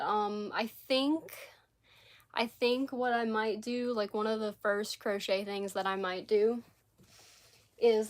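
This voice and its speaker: A woman talks loosely and casually on a livestream from her living room, her voice a little scratchy. She rambles along, circling back over her thoughts with plenty of fillers, at a pitch that sits in the middle for a woman. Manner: rambling, chatty, frequent "like" and "um". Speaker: crochet livestreamer. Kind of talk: casual live chat.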